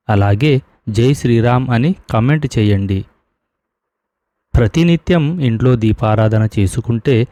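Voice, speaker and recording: Mellow-voiced man giving devotional instruction. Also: mid-range voice, no room sound. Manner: steady, didactic listing of rules. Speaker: spiritual teacher.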